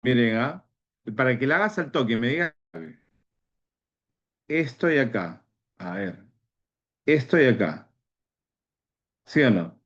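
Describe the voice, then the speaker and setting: Peruvian male teacher, mid pitch, animated online class, dull lo-fi audio. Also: measured pace, long pauses. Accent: Peruvian Spanish. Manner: lively, plays both student and teacher in dialogue. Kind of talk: online exam-prep class.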